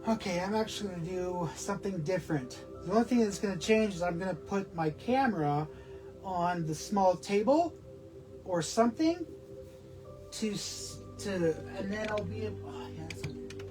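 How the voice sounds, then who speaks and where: A man talking casually on a home live-stream vlog, halting and rambling with many restarts, short of breath. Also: high voice, over music, poor audio. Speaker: vlogger. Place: at home indoors. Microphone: camera on a small tripod.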